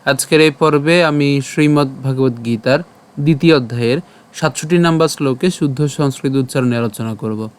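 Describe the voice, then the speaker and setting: A man teaching Sanskrit verse pronunciation online, breaking words into syllables slowly and chanting the lines. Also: medium pitch, smooth. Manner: slow, careful syllable-by-syllable drilling, chanting verses.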